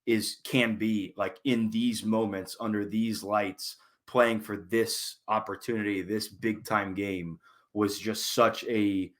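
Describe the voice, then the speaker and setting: A high school football coach co-hosting a podcast, speaking earnestly and reflectively in casual chat. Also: male voice, steady tone, takes it slowly. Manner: earnest and reflective, with small restarts.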